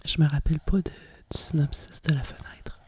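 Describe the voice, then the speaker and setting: Quebec french lady doing asmr, soft breathy library whisper, mellow, kinda rambly and nostalgic. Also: low-pitched, steady tone, brisk. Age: middle-aged. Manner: hushed, nostalgic rambling with frequent conversational tags. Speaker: ASMR host. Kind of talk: whispered ASMR chat about vintage books.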